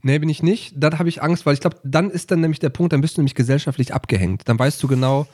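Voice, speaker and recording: A man's voice: on the high side, quick pace, darkish tone. A man co-hosting a comedy podcast in a laid-back, casual way, often hesitating with fillers. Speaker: podcast co-host.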